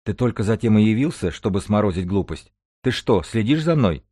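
A man's voice: fairly low pitch, animated, brisk, dark tone, no echo, studio quality. A man reading an audiobook, voicing a fiery young woman who scolds sharply. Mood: angry.

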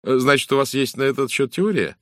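A man's voice: medium pitch, a little fast, dry recording, clean studio sound, voice pushed up, close to an everyday voice. A man voicing an anxious, apologetic young stage actor in an audiobook, speaking hesitantly with fillers. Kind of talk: audiobook character voice.

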